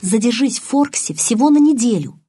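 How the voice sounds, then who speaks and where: A woman doing a pleading teen girl, high and urgent. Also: big pitch swings, moderate pace, a little mellow, slightly rough, heavily acted. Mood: persuasive. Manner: pleading, argumentative. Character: anxious, insistent teenage girl. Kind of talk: audiobook reading.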